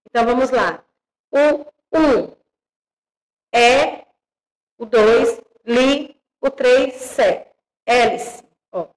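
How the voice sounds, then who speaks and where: Slow, patient Brazilian woman teacher. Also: on the high side, low-quality recording. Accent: Brazilian Portuguese. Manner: spells out syllables slowly, checks in with "tá?" and "certo?". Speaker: primary school teacher. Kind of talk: slow, careful teaching to young children.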